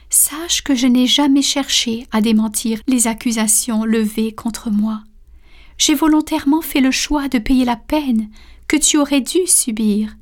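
A young man accepts his fate with calm resignation in a storybook tale, read by a woman. The pace is slow and the voice slightly high. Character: young man, self-sacrificing twin, resigned. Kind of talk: storybook reading.

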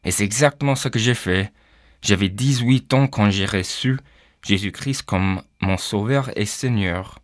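Low-voiced hesitant man. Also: unhurried, no echo, studio quality. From Canada. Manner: hesitant, frequent "euh" fillers. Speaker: pastor, guest. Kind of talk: personal testimony.

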